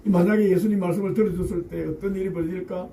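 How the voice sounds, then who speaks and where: A male pastor preaching a sermon and telling its story with animated, acted asides. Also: high voice, very fast, gravelly, reverberant, distant mic, slight background noise, low-quality recording. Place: church sanctuary.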